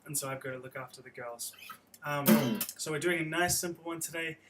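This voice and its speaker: This guitar lesson comes from a young man on a live stream whose fairly high voice moves a little fast. He explains chords in a rambling, friendly way, restarting often, with guitar playing behind his voice.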